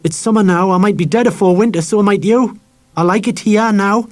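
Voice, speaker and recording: A man's voice: high voice, fast, a little mellow, no room sound, voice pushed up, close to an everyday voice. A man doing a fierce boy. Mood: defiant. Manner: fierce, bitter and proud. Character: angry defiant young boy living alone.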